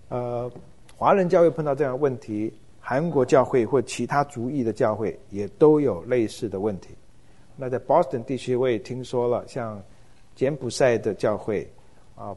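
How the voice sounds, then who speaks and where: A middle-aged man lecturing on church ministry in a relaxed, informal way, often pausing with hesitation fillers. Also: medium pitch.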